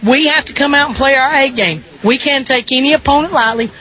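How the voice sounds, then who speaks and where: Southern woman calling softball, dull broadcast sound. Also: sits high, brisk. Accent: Southern American. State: weak voice. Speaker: sports broadcaster. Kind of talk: pregame softball commentary, folksy and conversational.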